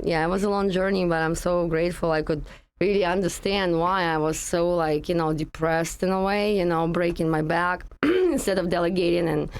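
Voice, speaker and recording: A woman from Russia with a Russian accent, a guest in a casual interview, talking in a halting way with many fillers. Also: lowish voice, clear, resonant tone. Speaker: guest, energy practitioner.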